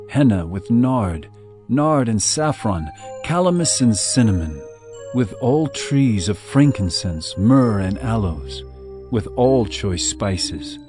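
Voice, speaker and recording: In a dramatized scripture reading, a male actor with a mid-range voice plays an adoring royal bridegroom. His delivery is measured, tender and lyrical.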